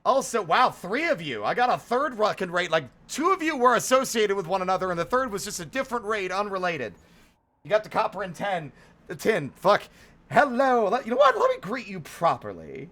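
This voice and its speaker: Here a male livestream host talks loosely with his viewers, hopping from greeting to exclamation with theatrical playfulness. He speaks briskly in a high-pitched, sharp voice whose pitch swings widely.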